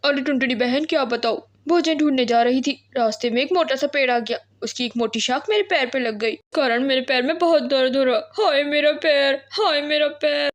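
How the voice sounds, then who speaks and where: Cartoon crow wife, female, sarcastic schemer, high voice , played by a woman narrator. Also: brisk, few pauses, natural voice. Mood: fake moaning. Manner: teasing, sarcastic.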